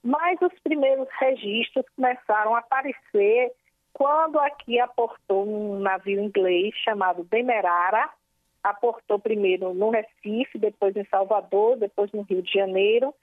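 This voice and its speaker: A woman's voice: mid-range voice, unhurried, no room sound. Hesitant woman over the phone. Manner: hesitant, many filler sounds. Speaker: history professor interviewee. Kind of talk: interview explanation. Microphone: telephone. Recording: tinny dry phone line.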